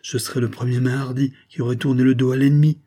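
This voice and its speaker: Imagine a man reading aloud as a defeated young nobleman, grave and resigned, speaking earnestly despite his sorrow. The voice stays dark and slightly husky. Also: mid-range voice, flat delivery, quick pace, close to an everyday voice. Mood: ému.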